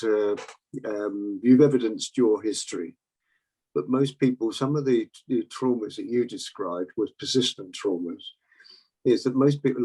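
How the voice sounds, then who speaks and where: A man's voice: on the low side, warm tone, breathy edge, low-quality recording. An English man asking a question in an online meeting, hesitant and wordy. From England. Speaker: meeting participant.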